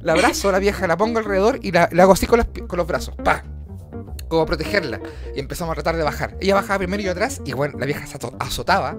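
A man's voice: high voice, very fast. A young Chilean man telling a long story in casual chat, rambling and slangy, swearing and acting out voices. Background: guitar music.

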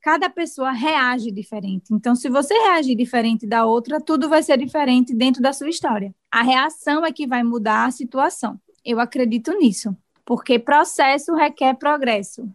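A woman in her thirties, a new mother, giving an earnest personal testimony in an interview, telling her story with lively quoted dialogue. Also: high-pitched, normal speed. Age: 30s.

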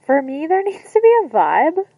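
A woman's voice: sits high, huge pitch swings, normal speed, warm tone, dry recording. A woman co-hosting a casual radio chat show, thinking aloud and laughing easily. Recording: dull lo-fi sound, dry.

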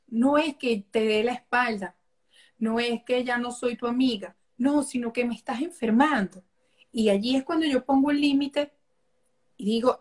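A woman with a fairly high voice talks through her own family anecdotes as a guest. She speaks in an easy, warm conversational way, lively and personal. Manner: warm storytelling, acts out family quotes. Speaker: holistic therapist guest. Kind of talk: casual interview conversation.

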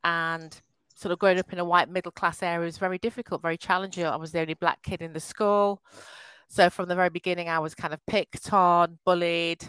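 The voice is on the low side, steady, brisk, and clean, heard through a dry, low-quality recording. It belongs to an English woman in her 50s who, as a podcast guest on a casual call, tells her life story in a warm, chatty way, often laughing and restarting sentences.

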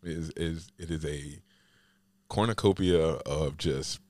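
Man, podcast host, very deep voice, dry close sound, rambling casual chat. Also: measured pace, darkish tone, no echo. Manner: rambling, heavy use of "like" fillers.

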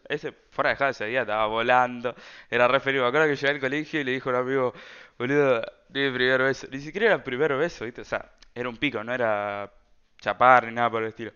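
A man's voice: medium pitch, fairly bright tone, clear, resonant tone, lo-fi sound. A man with an Argentine Rioplatense accent telling a personal story in a casual, rambling way, full of slang and fillers. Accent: Argentine Rioplatense Spanish. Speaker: storyteller vlogger.

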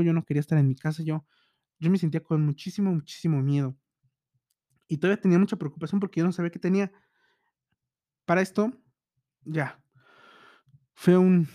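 A young man telling a personal story in a halting, emotional way, full of repeated restarts. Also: a little high, warm tone, dry recording, clean studio sound.

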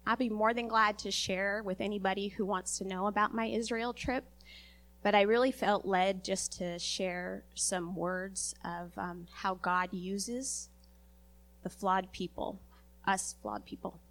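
Sniffly woman preaching to a congregation, earnest and a bit halting, mid-pitched voice. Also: fairly even intonation, a bit bright. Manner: earnest, halting, with many fillers. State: sniffly, recovering from a virus. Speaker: lay preacher. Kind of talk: church sermon.

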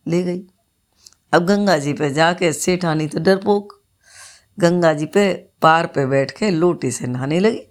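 A woman's voice: on the low side, slow. A woman, telling a religious folk tale in a plain, homely way. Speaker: storyteller.

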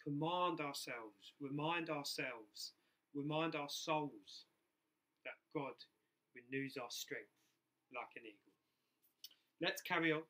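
Bright, higher-voiced male preacher with soft R's. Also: slow, pauses often. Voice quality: soft R's pronounced close to W. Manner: repeats key phrases for emphasis. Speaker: preacher in ministry. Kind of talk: sermon.

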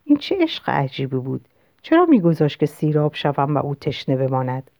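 Low-voiced woman narrating a novel. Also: no room sound. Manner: calm, reflective first-person reading. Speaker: audiobook narrator. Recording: dull lo-fi recording.

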